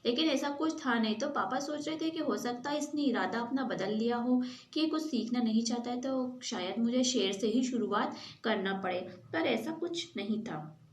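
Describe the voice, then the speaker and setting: A woman's voice: fairly high pitch, animated, moderate pace, a little hiss or hum. A woman teacher reading a story to a class and patiently retelling each part in simpler words. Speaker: school teacher. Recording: echoey room.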